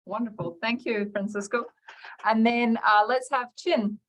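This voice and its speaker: A woman's voice: a little high, steady tone, measured pace, fairly bright tone. A woman moderating a panel, thanking each speaker and calling on the next.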